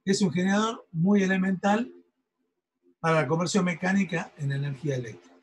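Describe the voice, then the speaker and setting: A man's voice: sits high, brisk, breathy edge, low-quality recording. A man giving an engineering lecture, explaining step by step and often checking in with his students. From Argentina. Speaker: university lecturer.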